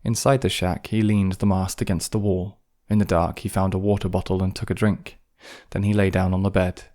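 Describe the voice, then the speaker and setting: Deep, steady male audiobook narrator. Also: a little fast. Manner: calm, even reading. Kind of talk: scripted narration.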